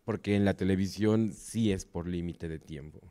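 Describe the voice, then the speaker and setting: A man's voice: low-pitched, normal speed, dark tone. A man from Mexico with a Mexican accent, speaking as a wrestler answering interview questions in short segments. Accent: Mexican Spanish.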